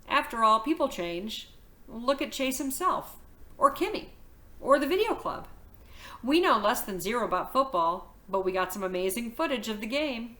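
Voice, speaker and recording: Bright-voiced woman reading a novel aloud. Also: medium pitch. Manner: lively, expressive storytelling.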